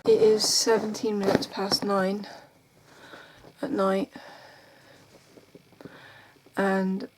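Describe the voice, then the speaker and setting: Slow, emotionally drained, tired woman. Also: mid-range voice, little pitch movement, noisy background. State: burnt out and tired. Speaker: vlogger. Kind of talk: casual confessional talk to camera.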